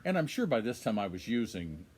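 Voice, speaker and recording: A man's voice: on the low side, big pitch swings, fairly quick, darkish tone, breathy edge. Older man telling rambling stories. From Minnesota. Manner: rambling storyteller, many fillers. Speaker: interviewer. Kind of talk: casual interview.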